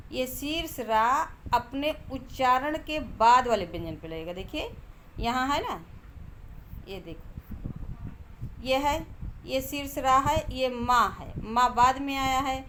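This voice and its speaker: High-voiced woman teacher explaining grammar. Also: fairly bright tone, slight background noise. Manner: patient, repeats points with checking tags.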